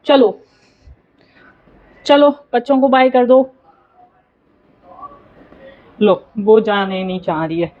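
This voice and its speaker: A woman's voice: on the high side, expressive, takes it slowly, long pauses, no room sound, narrow, tinny audio. A woman vlogging outdoors, chatting casually and narrating what she sees to her phone camera. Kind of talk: casual vlog chat. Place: outdoors by a ground and trees.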